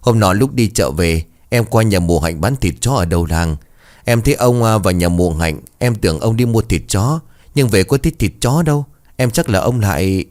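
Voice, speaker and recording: A man's voice: on the low side, expressive, normal speed, darkish tone, close to an everyday voice. Man voicing a gossipy young servant girl. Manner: gossiping, insinuating.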